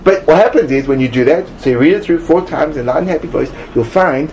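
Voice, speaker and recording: A man teaching a Talmud study class, emphatic and animated, acting out little voices to make his points. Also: on the high side, fast talker, a little hiss or hum. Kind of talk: classroom lecture.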